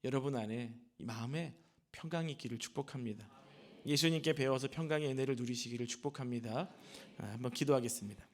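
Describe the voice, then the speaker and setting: A man's voice: medium pitch, fast talker. A middle-aged man, a senior pastor giving a Sunday sermon, talking conversationally and asking the congregation rhetorical questions.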